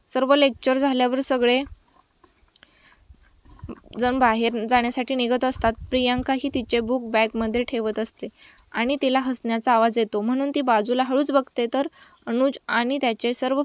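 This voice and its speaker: A woman narrating a romance story aloud in a steady, even storytelling manner. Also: fairly high pitch, clear, resonant tone, no echo.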